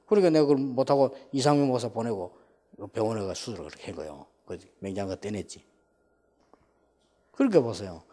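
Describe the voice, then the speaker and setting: A man, preaching a sermon and telling a personal story in a rambling, animated way with many asides. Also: medium pitch, in a large hall. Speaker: pastor.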